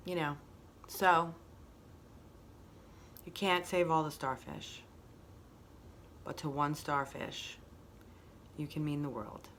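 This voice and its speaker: Woman, low pitch, reflective, repeats herself for emphasis, casual motivational talk. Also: slow, long pauses, fairly bright tone, a little hiss or hum. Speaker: host.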